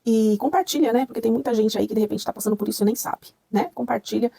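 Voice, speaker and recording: A woman host retelling a viewer's story in the first person, talking quickly and chattily to her audience. Her voice is gravelly and husky, with a dark, mellow tone. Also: on the high side, dry recording. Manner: conversational, addresses the audience with frequent "né" and "sabe". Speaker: channel host.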